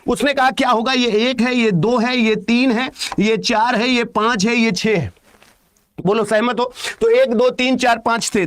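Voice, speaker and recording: A man with a strikingly high-pitched voice gives an exam-prep reasoning lesson. He talks loudly, stresses his points hard and keeps checking with his students through rhetorical questions. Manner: loud, emphatic, calling out to students with rhetorical questions. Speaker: reasoning teacher.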